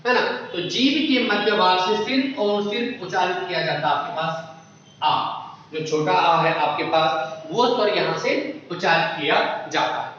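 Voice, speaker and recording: A man with a fairly bright voice that sits high teaches a classroom lesson on Hindi phonetics at a moderate pace, with a little hiss or hum. He asks rhetorical questions, keeps checking with "ठीक है," and draws out vowel sounds as examples. The mic is far away in an echoey room, giving dull lo-fi sound.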